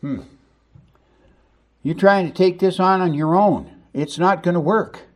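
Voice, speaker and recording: A man's voice: high-pitched, unhurried. A male pastor preaching a sermon in an emphatic, conversational way, stressing words with bursts of volume.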